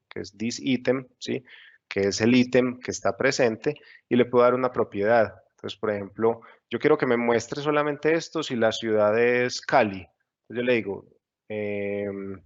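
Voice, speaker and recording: Man, low gravelly voice, patient webinar instructor, dull lo-fi audio. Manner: patient step-by-step explaining with frequent fillers. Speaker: software instructor. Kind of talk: screen-share webinar tutorial.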